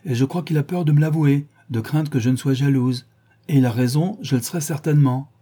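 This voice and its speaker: A man voicing an old, gossipy society hostess who chides in raised, indignant exclamations, with a husky voice. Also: mid-range voice, a little fast, dark tone, voice pushed up, natural voice. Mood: scolding.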